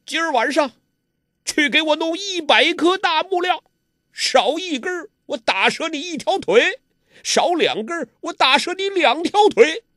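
A man's voice: extremely high pitch, animated, a little slow, pushed and bright, no room sound, studio quality, pitched above the performer's own voice, full character voice. A man voicing a menacing, domineering older male villain who barks threats and orders. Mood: bullying, threatening.

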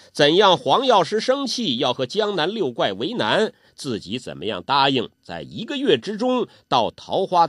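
A male storyteller, whose fairly high voice rises and falls very freely as he spins a traditional tale. He chats to the listener in asides, recorded close and dry with no room sound. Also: no room sound. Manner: lively, chatty, asides to the listener.

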